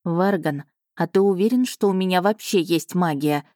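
A woman's voice: lowish voice, normal speed, dark tone, dry recording, studio quality, natural voice. A woman reading an audiobook voices a young heroine, skeptical and wry in her questions. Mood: wary. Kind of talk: audiobook character voicing.

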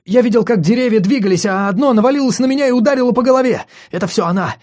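A male audiobook reader voicing a frantic, deranged young male student who rants in a rushed, excitable way. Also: a little high, pitched above the performer's own voice.

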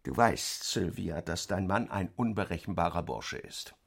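Gruff old general, gravelly, husky, low voice, radio play. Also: male voice, expressive, moderate pace, heavily acted. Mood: blustering. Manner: blustering, gruff.

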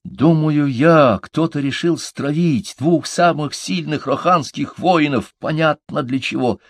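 A man's voice: a little high, measured pace, no echo, studio quality, voice pushed up. A man voicing a thoughtful, earnest male hobbit who explains things carefully.

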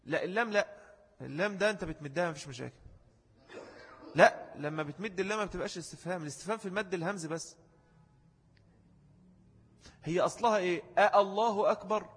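An Egyptian man teaches a religious lesson in a slightly high, husky voice. He explains each rule step by step and demonstrates mistaken and correct pronunciations aloud. His voice rings with a long reverb, as in a large hall. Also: fast talker, pauses often, fairly bright tone. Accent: Egyptian Arabic.

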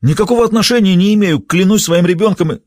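Male narrator doing a whiny, pleading young dealer under pressure, raised pitch, lively delivery, dry close sound. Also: fast talker, no echo. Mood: protesting. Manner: whiny, pleading, speaks through gritted teeth. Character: cornered young male small-time dealer, scared and evasive.

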